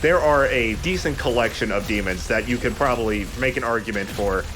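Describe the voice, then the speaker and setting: A let's play gamer gives casual, joking commentary on the video game he's playing, with faint game music in a noisy background. His voice is mid-range and brisk.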